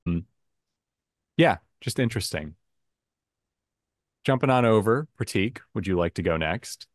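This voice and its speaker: A man's voice: on the low side, expressive, a little slow, no echo, studio quality. A man hosting a podcast guessing game in a casual, playful, self-mocking way. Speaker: podcast game show host.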